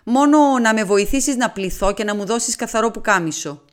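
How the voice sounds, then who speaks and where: A woman's voice: a little high, lively intonation, lightly acted. A woman voicing a weary, tormented dying man in an audiobook, with pained, pleading words.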